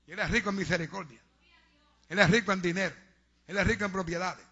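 A man's voice: high-pitched, steady tone, fast, sharp tone, husky. A man preaching a fervent sermon to his congregation, urging them and calling out to them. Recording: dull lo-fi sound.

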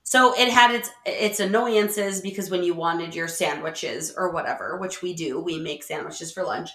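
In a lowish voice at normal speed, a middle-aged woman chats as a podcast co-host. Her casual talk is full of animated stories, frequent laughter, and acted-out quotes, and the audio has a roomy echo.

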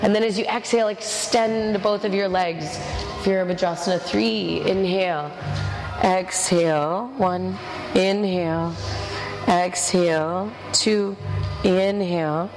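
A woman's voice: medium pitch, slow pace. Woman yoga instructor in an echoey hall. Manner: directive step-by-step cueing with counted breaths. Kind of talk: yoga class instruction, short counted cues. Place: large echoey indoor studio with a class. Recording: echoey hall with music behind. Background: music.

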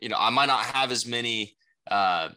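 Here the young salesperson and rapper, a native Mandarin Chinese speaker, answers interview questions casually, rambling and tacking on frequent "you know" and "right?" tags. His medium-pitched voice moves at a moderate pace, bright and forceful.

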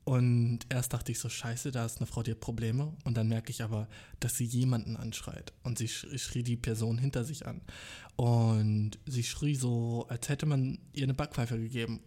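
A man's voice: medium pitch, flat delivery, normal speed, dark tone. A young man telling a rambling, casual story alone indoors, full of fillers and English slang.

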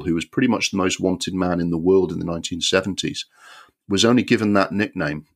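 A man hosting a film podcast, giving an animated, exasperated review with many ums and the odd swear word. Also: deep voice.

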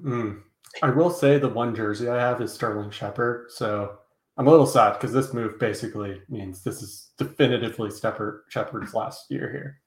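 A man's voice: mid-range voice, normal speed. Frank male podcast guest in an echoey room. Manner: frank, self-deprecating, talks up strong opinions. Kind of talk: casual fantasy football podcast chat.

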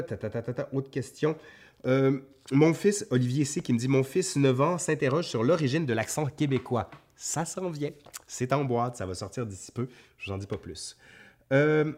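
A man's voice: mid-range voice, moderate pace, darkish tone. A man with a Quebec French accent hosting a casual question-and-answer session, reading questions aloud and answering off the cuff in a conversational way. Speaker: history video host.

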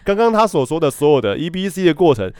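A man's voice: a little high, sing-song, fast talker, darkish tone, clean tone, no echo, clean studio sound. A man co-hosting a podcast, chiming in with playful, joking comments. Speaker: podcast co-host. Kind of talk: casual chat.

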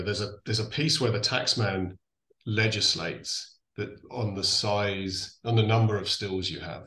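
An Irish man from Donegal explaining things in a conversational interview, thoughtful and halting, often restarting and correcting himself. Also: on the low side, a bit bright. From Donegal, Ireland. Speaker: interview guest, distillery founder. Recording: echoey room sound.

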